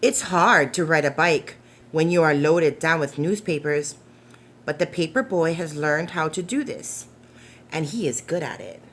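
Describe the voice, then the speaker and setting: Reading a picture book to small children at preschool storytime, a woman with a slightly low voice goes very slowly and gently, phrasing expressively. She is deliberate and asks the children questions, with noticeable noise behind her.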